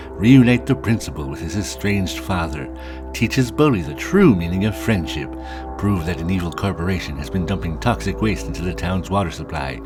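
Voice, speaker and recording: A man playing a vain, theatrical horror host and faded film star in scripted comedy. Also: low voice. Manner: theatrical, pun-loving showmanship. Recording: prominent music behind.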